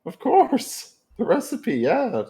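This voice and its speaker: A man's voice: high voice, huge pitch swings, takes it slowly, dark tone, pitched above the performer's own voice, exaggerated voice. A man voicing a goblin who poses as a welcoming old grandmother baker, in a put-on old-lady voice, for a tabletop game. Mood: welcoming, sly. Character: goblin in a terrible wig posing as sweet grandmotherly baker.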